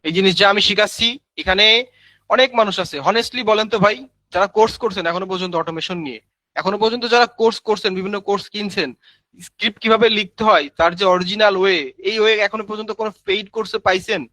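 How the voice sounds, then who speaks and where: Fast, bright-voiced man teaching. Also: sits high, fairly even intonation, no room sound, rough recording. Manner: chatty, addresses viewers as brother, many fillers. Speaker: online course instructor. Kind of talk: live screen-share tutorial.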